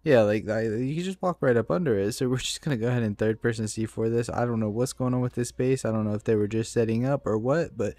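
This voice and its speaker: A man's voice: mid-range voice, quick pace, hardly any pauses, mellow, no echo. A man giving casual, rambling gameplay commentary as a gaming video creator, with lots of fillers and restarts. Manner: laid-back, rambling with many fillers. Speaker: gaming YouTuber.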